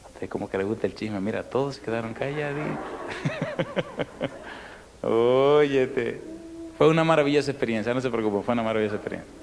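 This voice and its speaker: A man preaching a storytelling sermon to a congregation, animated, acting out the people in his story and dropping to a near whisper for his closing appeal. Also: medium pitch, a little fast, vocal fry, pauses often, crowd noise. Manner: animated, acts out dialogue, drops to near whisper. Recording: echoey hall, faint background noise.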